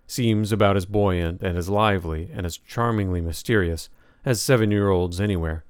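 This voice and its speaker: A man reading a nonfiction book aloud as narrator, in a measured, reflective way. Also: sits low, no echo, studio quality.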